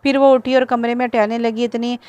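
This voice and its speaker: A woman narrating a romance audio novel in a steady, even reading with the odd slip. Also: a little high, brisk, clean tone, no echo, highs cut off.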